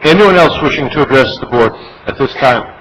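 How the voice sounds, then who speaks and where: A man's voice: mid-range voice, expressive, fairly quick, fairly bright tone, rough recording. American man chairing a meeting, background noise. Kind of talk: procedural meeting talk. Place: government meeting room.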